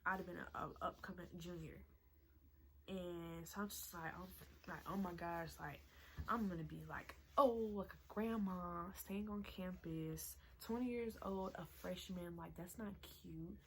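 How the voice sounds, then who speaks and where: Young woman, twenties, casual storytime vlog, excitable and chatty, lowish voice, faint room hum. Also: a little slow, poor audio. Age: 20s. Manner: excitable, chatty, heavy use of "like" and "y'all". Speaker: vlogger.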